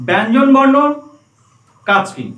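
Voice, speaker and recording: A man's voice: very high voice, expressive, measured pace, fairly bright tone, far from the mic. A man teaching a class, quizzing pupils one by one and spelling out letters for them. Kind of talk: classroom lesson. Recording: roomy classroom, voice from afar.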